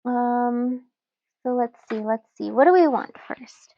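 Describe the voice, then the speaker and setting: A young woman talks through her journaling in a slow, unhurried way, her voice sitting a little high. She is relaxed and giggly, with plenty of fillers. The sound is dry and close, with a slightly dull, lo-fi tone. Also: no room sound. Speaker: journaling channel host. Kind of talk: casual chat while journaling.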